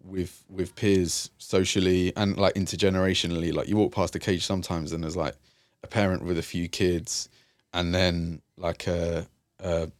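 A man with a very low, deep voice talks through his work in a thoughtful, halting way, often circling back with fillers and restarts. The sound is close and dry, with no room behind it. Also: little pitch movement, no echo. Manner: reflective, frequent fillers and restarts. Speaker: youth and community worker, guest. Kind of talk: conversational interview.

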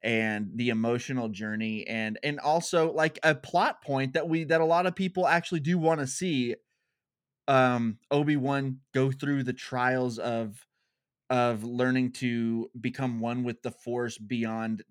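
A man's voice: medium pitch, steady tone, a little slow, no echo. Eager chatty male co-host, dry sound. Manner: eager, chatty, laughs often. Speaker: podcast co-host. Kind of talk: casual discussion.

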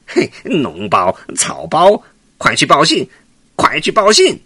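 A man's voice: medium pitch, huge pitch swings, moderate pace, a bit bright, husky, no room sound, clean studio sound, voice pushed up, exaggerated voice. A man voicing a boastful, mocking monkey king in a children's story. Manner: mocking, laughing, brash.

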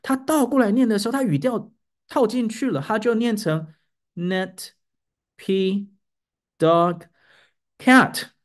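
Animated man telling a teaching story. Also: brisk. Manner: animated storytelling, pitch rising as he gets excited; demonstrates English word intonation aloud. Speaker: English teacher and host. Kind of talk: casual podcast monologue.

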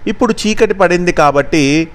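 A man narrating a children's story at a measured, expressive pace. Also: high-pitched.

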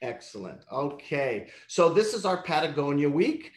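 A man hosting a live online chat, relaxed and full of little fillers. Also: a little high, normal speed, roomy sound. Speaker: host.

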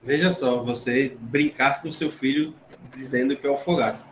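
A man's voice: medium pitch, fairly even intonation, normal speed. A male host leads a casual podcast with chatty, joking recaps. His voice sits in a roomy, echoing space. A faint background hiss runs under it. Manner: chatty, recaps with jokes and asides. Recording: roomy echo, faint noise.

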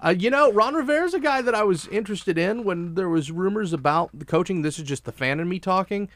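A man co-hosting a sports talk show, arguing his opinions emphatically with quick restarts. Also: high voice, lively intonation, a bit bright.

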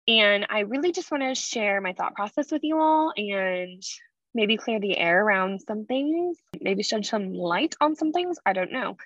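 A woman's voice: medium pitch, lively intonation, a little slow, a bit bright, dry recording, lo-fi sound. Candid podcast host woman, slightly slurred. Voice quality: slightly slurred S sounds from retainers. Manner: candid, rambling, frequent fillers and asides. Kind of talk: casual solo podcast chat.

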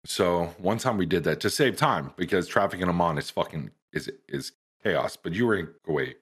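A young American man telling a profane, animated story to friends on a podcast. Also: low voice, normal speed, husky. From United States. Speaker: podcast host. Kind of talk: casual storytelling among friends.

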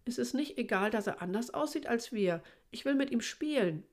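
A woman reading aloud, voicing a cheeky little girl fish in a higher, eager voice. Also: animated, normal speed, close to an everyday voice.

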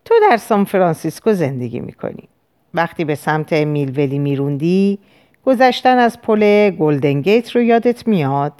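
Calm, coaxing male psychiatrist, read by a woman, low voice with lively inflection. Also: clear, resonant tone, close to an everyday voice. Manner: gently coaxing, questioning.

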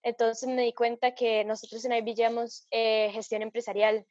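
A woman's voice: a little high, level tone, moderate pace, a little mellow, no echo. A teenage girl, a student guest talking reflectively and hesitantly in a casual podcast conversation. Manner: reflective, hesitant, many fillers like "como" and "entonces". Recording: dull lo-fi dry sound.

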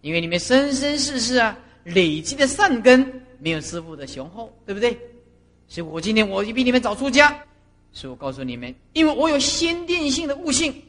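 Woman Buddhist master giving a doctrinal lecture, high and animated delivery, long hall reverb. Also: a little fast. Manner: animated storyteller who acts out scenes. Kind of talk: doctrinal lecture with personal stories.

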